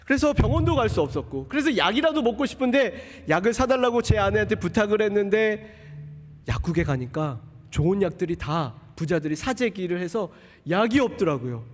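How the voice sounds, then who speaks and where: A high-pitched young man preaches a personal testimony in a church. He tells it as a story and acts out the people he quotes. His voice rings through a sanctuary with a long hall reverb. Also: sing-song, a little fast. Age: young adult. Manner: storytelling, acting out quoted dialogue. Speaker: missionary preacher. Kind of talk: sermon testimony.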